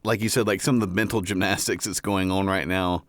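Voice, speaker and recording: A man's voice: low-pitched, steady tone, fairly quick, no echo. A man co-hosting a podcast, talking in a rambling, profane way with many "like"s. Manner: rambling, frequent "like", laughing, profane. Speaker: podcast co-host. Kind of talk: casual chat.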